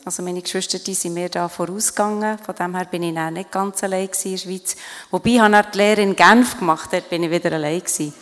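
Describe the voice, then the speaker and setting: A woman's voice: fairly low pitch, steady tone, quick pace, a bit bright, long reverb tail. A middle-aged woman with a Swiss German accent, speaking earnestly and reflectively as a guest on stage, with many fillers and restarts. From Switzerland. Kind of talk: interview on stage at an event.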